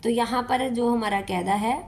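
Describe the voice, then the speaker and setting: A woman, a Quran teacher explaining pronunciation rules step by step in a slow, patient way. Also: on the high side, fairly even intonation, darkish tone. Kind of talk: step-by-step recitation lesson.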